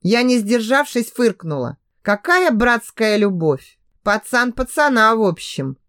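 A woman narrating a story in the first person, with a sarcastic, expressive delivery. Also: a little high, unhurried, no room sound, studio quality. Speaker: audiobook narrator.

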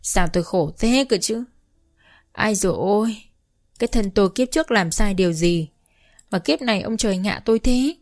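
A woman voicing a scolding old mother-in-law who wails and shrieks complaints loudly. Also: medium pitch, normal speed, natural voice. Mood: wailing. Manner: loud, wailing, shrieking complaints.

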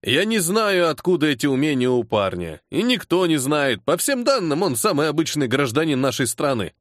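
A man voicing a tired, irritable colonel who heads a security service department, gruff and sarcastic with his subordinate. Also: fairly high pitch, sing-song, normal speed, no echo, clean studio sound. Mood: irritated. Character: weary irritable older male colonel, security service chief.

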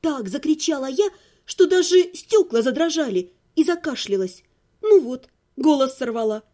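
Высокий женский голос чтеца. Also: female voice, high voice, animated, normal speed, warm tone. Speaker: audiobook narrator. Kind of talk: first-person audiobook narration.

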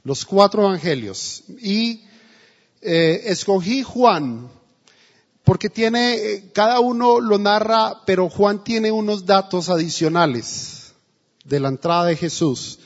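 With a high voice and lively intonation, a male pastor takes it slowly as he preaches in a church hall. He tells a story emphatically, acting out the quotes, and the recording sounds dull and echoey.

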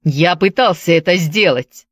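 A curt, defensive young tavern keeper, as a woman narrator reads him. The voice stays close to the reader's own lowish tone. The recording is dry and close. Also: expressive, a little slow, husky, dry recording.

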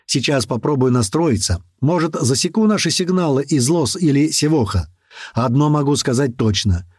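A man voicing a nerdy young male technician who shouts directions. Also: medium pitch, moderate pace, breathy edge, no echo, clean studio sound. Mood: tired calm. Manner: shouting directions, then tired and flat.

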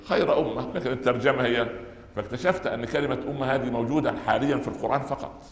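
A man preaching a Friday sermon in Egyptian Arabic, emphatic, swinging between loud high peaks and quiet low passages, asking rhetorical questions and answering them himself. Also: racing. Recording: echoey hall with long reverb.

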